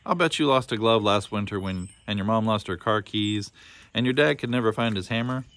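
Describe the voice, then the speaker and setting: A man performs the storybook role of a jolly, scatterbrained old fellow in charge of a land where lost things go, giving him a homespun, absent-minded manner. The voice sits on the low side, fairly bright and a little fast, with no echo.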